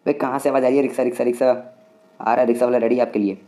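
A man with an Indian accent giving excitable, chatty commentary while playing a driving game, talking to the game and to viewers. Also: medium pitch, very fast. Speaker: gaming channel host.

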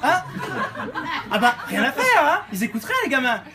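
A woman playing a loud, unhinged middle-aged mother of many kids in a live stand-up sketch, barking orders and rambling with constant fillers. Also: high voice, big pitch swings, moderate pace. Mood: brash. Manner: brash, rambling, barks orders, filler-heavy "hein". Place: comedy club stage. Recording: noisy live club recording.

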